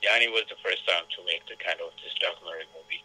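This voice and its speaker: A man with an Ethiopian accent, a boxing coach whose first language is Amharic, speaking haltingly in an interview. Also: deep voice, sharp tone, breathy edge, rough recording. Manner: halting, repetitive phrasing in a second language. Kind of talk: casual interview talk.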